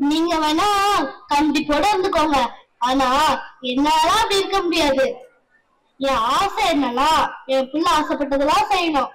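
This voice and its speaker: A woman as a gentle devoted mother, high voice. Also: normal speed, long pauses, poor audio. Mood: tearful.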